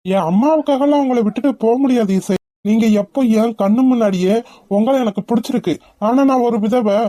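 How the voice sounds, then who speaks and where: A lovesick young man from a cartoon, as a woman voices him, earnest and pleading. His voice is mellow and rather high, recorded dry and close. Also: no room sound, lightly acted. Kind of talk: cartoon voice acting.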